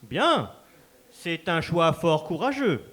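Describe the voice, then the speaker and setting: A man's voice: a little high, big pitch swings, slow pace, a bit bright, full character voice. A man performing a formal, ceremonious master of a verbal joust in a live stage reading. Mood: solemn. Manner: formal, solemn announcer.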